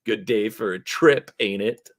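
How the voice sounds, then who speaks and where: A man voicing a twitchy, shifty male orc drug dealer with fast, wheedling street slang. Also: fairly low pitch. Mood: hustling.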